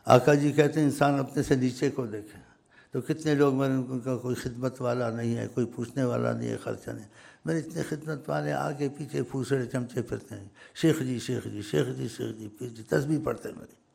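Older male preacher, gravelly, rambling and emphatic, informal sermon. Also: mid-range voice, steady tone. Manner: rambling, emphatic, swings between loud stresses and soft drops. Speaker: religious speaker.

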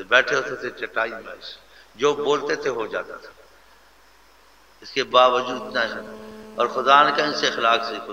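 Gravelly male preacher in an echoey hall. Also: medium pitch, pushed and bright. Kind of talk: sermon. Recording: echoey hall, dull lo-fi sound.

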